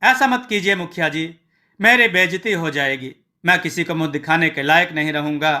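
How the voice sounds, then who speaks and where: A meek, downtrodden street vendor pleads in a high, bright voice, as a man voices him. He speaks humbly. This is a storybook tale voice. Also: normal speed. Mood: pleading. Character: meek, poor male street-food vendor, trusting in God.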